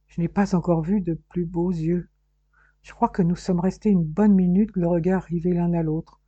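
A woman's voice: fairly low pitch, fairly even intonation, moderate pace, warm tone, slightly rough, no echo. A woman doing a shy, smitten young man. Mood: reluctant. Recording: dull, muffled dry recording.

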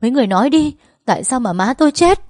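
A grieving young wife, as a woman narrator puts her on, shouting bitter accusations. Her voice climbs high and shrill, and the recording is dry and close. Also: lively intonation, rapid-fire, no room sound. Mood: furious. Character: grief-stricken young wife, furious and bitter.

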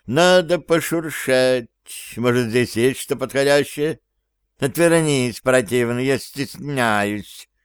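A man's voice: medium pitch, slow pace, clear, resonant tone, no room sound, clean studio sound, lightly acted. A man voicing a coarse, brash male thug who turns mock-coy, in an audiobook. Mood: gleeful, mock-coy. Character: Petruccio, coarse male thug gleefully transformed.

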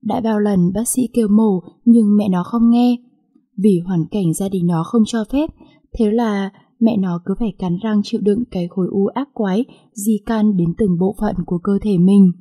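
A woman narrating a sad family story in a steady, emotive reading style. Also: mid-range voice, normal speed, breathy edge.

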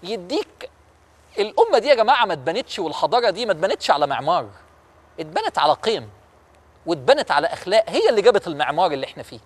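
A man's voice: sits high, big pitch swings, very fast. A man with an Egyptian Arabic accent, preaching and telling a story in a fervent way, firing rhetorical questions at his listeners. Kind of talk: storytelling religious talk. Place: historic mosque-like building.

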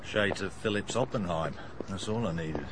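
An actor playing a middle-aged English police inspector, dry, sardonic and matter-of-fact in a radio drama. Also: male voice, deep voice, moderate pace, noisy background, lightly acted.

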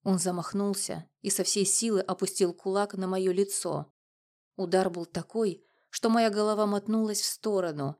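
A woman narrating a first-person audiobook in a measured, dramatic way. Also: mid-range voice, fairly even intonation, a little mellow.

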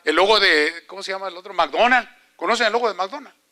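An older man preaches a sermon, telling stories animatedly and firing rhetorical questions at his listeners. His voice is very bright and forceful, pitched somewhat high for a man. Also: fast talker. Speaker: evangelist.

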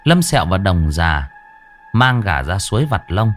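A man narrating a story in a lively, dramatic reading. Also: deep voice, a little slow. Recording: faint music behind.

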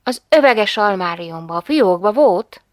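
A woman's voice: mid-range voice, expressive, no room sound, studio quality, lightly acted. A woman reading aloud voices a small poor boy who speaks earnestly.

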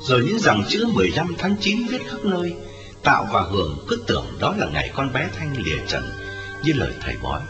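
A man's voice: medium pitch, huge pitch swings, fairly quick, recorded from a distance. A man narrating a scripted audio story in a dramatic way. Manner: dramatic, widely varied intonation. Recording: echoey reverberant audio story with music, slightly dull. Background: music.

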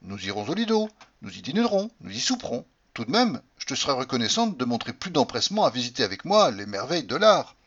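A man's voice: medium pitch, sing-song, fast talker, few pauses, a bit bright, husky, dull audio, exaggerated voice. A man reading an audiobook, voicing a tender young woman in love with a lifted, lilting delivery. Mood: gently reproachful.

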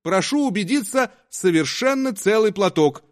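A man's voice: high-pitched, animated, moderate pace, pitched above the performer's own voice. A man voicing a poor, hungry conjurer who talks in a shaky, pleading showman's patter.

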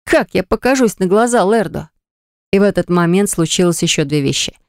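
A woman narrating an audiobook in the first person, with a lively, indignant, sharp-tongued way of telling the story. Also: fairly low pitch, fairly quick, no echo, studio quality.

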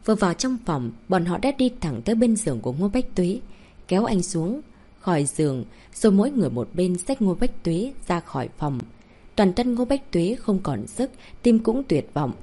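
A woman narrating a novel as an audiobook, reading steadily and slowing down for dramatic moments. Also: on the low side, warm tone.

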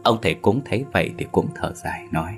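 Deep-voiced man narrating a ghost story. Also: fast. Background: faint background music.

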